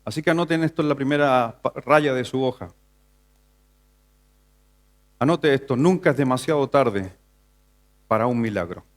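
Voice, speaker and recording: A Chilean pastor delivers a Sunday sermon in a church sanctuary at a normal speed, pausing often. He poses rhetorical questions to the congregation and builds to emphatic passages, his pitch rising as he presses his points.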